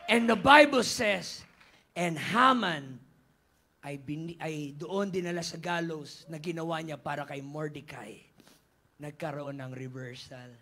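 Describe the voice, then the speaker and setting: A male pastor with a Filipino accent, telling a Bible story as a lively sermon, mixing in English and rising to shouted exhortations. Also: on the high side, unhurried.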